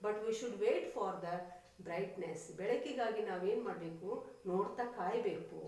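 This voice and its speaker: A woman teacher, talking to children in a lesson, reading English lines and then explaining them quickly. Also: a little high, darkish tone, very echoey. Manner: addresses children, repeats lines for emphasis. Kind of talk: classroom lesson explaining a text.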